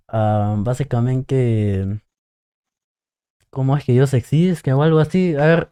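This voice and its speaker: A male channel host speaks in a mellow, smooth voice, asking his guest questions with friendly hesitation. The sound is dry and close. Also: medium pitch, no room sound. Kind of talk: conversational interview.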